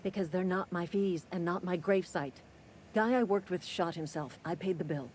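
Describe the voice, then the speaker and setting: A man voicing a gruff, cynical company-town clerk in video game dialogue, speaking curtly and sardonically. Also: sits high, moderate pace, a little mellow, a little hiss or hum, close to an everyday voice, poor audio. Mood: curt, sardonic. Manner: curt, sardonic and impatient.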